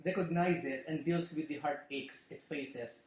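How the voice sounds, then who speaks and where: A man's voice: fairly high pitch, takes it slowly. Chatty joking preacher man, echoey hall. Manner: chatty, joking, asks "di ba?" often. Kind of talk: casual sermon in Taglish. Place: church hall. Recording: echoey, muffled church recording.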